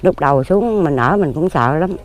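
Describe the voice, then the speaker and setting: A deep-voiced woman in her fifties with a Southern Vietnamese accent, a lottery ticket seller, speaks expressively at a normal speed in a casual interview outdoors among graves. She talks plainly and at length, rambling but earnest.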